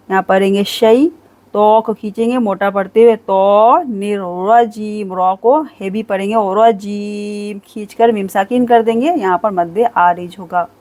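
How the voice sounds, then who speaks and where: A woman teaching Quran recitation rules, reciting each phrase slowly and drawn out, then explaining each rule in quick, patient instructions. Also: mid-range voice, darkish tone. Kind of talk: tajweed lesson, recitation with explanation.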